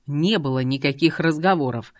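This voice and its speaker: A woman's voice: low-pitched, normal speed, dry recording, studio quality, close to an everyday voice. A woman voicing a stern middle-aged businessman who speaks in a cold, clipped, growling way. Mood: angry.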